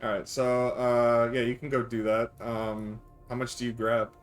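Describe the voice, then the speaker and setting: A man's voice: medium pitch, completely flat delivery, moderate pace, soft background music. A man acting as game master, narrating a tabletop game casually and often thinking aloud with some hesitation.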